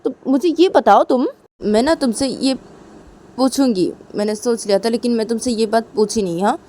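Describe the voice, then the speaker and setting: Pleading young woman asking forgiveness, voiced by a woman, higher pitch, repetitive questions, storytelling. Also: moderate pace, warm tone, a little hiss or hum, natural voice.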